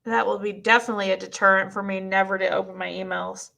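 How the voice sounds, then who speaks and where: A woman streamer with a squeaky voice chatting bluntly and rambling with her viewers, recorded on a cheap mic. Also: little pitch movement, quick pace, creaky, sharp tone. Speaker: streamer reading chat. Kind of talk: casual live-stream commentary. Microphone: cheap twelve-dollar mic.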